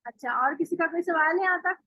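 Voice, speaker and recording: A woman teaching Quran recitation in an online class, patiently explaining and slowly modeling each sound. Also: very high-pitched, bright, forceful tone, no room sound. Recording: dull dry call audio.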